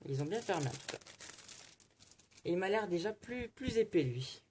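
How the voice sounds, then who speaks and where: Opening card packs and paging through magazines, a male vlogger narrates in a relaxed, chatty running commentary. His voice is high-pitched, animated, and a little mellow, at a moderate pace, and slight background noise is present.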